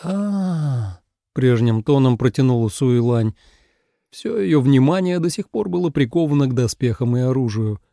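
A man narrating an audiobook with a lively, expressive reading. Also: mid-range voice, normal speed, gravelly, no echo, studio quality.

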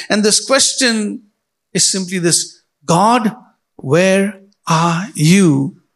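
Guy pastor preaching in church, high voice, talks right at the people, builds up then drops low. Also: a bit bright. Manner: preaching with rising and falling emphasis, direct address to the congregation. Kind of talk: sermon.

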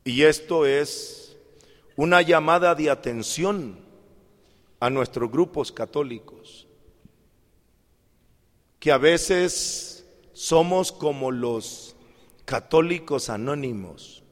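Male preacher, sermon, slow deliberate delivery, slightly high voice, long echoing hall. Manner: acts out little dialogues, swings from loud outbursts to quiet asides.

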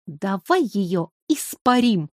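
A woman's voice: mid-range voice, big pitch swings, slow, no echo, studio quality. A woman doing a boastful, roaring fire spirit. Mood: gleeful. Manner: roaring, gleeful.

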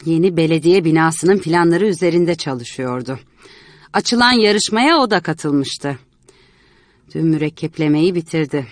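A woman voicing a halting, apologetic young man. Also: low-pitched, no echo. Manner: hesitant, halting explanation.

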